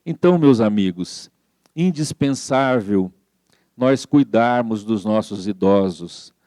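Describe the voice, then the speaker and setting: A Brazilian man giving a spiritist sermon, telling stories gently and acting out the dialogue. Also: fairly low pitch, lively intonation, takes it slowly, no echo. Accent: Brazilian Portuguese. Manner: gentle storytelling, acts out quoted dialogue, frequent "né?". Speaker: spiritist speaker. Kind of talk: sermon with anecdotes.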